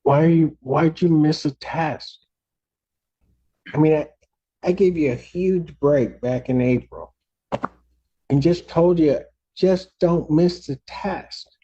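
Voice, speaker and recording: A man speaks as a stern, scolding judge, his tone dark and heavy. The sound comes from a played-back courtroom recording, dull and muffled. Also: fairly high pitch, slow pace, long pauses, slightly rough. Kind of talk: presiding over a court hearing.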